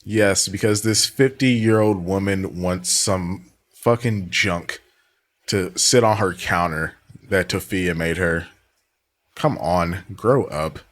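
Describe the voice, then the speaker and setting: A man's voice: deep voice, slow. A man giving sarcastic, profane commentary on a video clip, often laughing at it. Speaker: reaction commentator.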